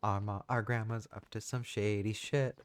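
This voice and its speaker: A man's voice: on the low side, fairly even intonation, moderate pace, background noise. A man streaming a story game, thinking aloud in rambling, casual commentary with the odd swear word. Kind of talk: casual let's-play commentary. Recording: game music in the background.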